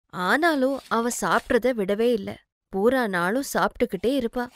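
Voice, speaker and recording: A woman telling a cartoon moral story in steady scripted narration. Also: a little high, no room sound.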